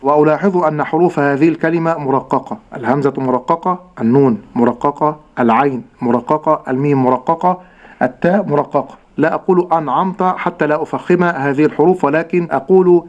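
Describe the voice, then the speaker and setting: A man teaching Quran recitation rules, explaining in a measured way and drawing out each example word slowly. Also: fairly high pitch, muffled recording. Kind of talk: tajweed lesson with slow demonstrations.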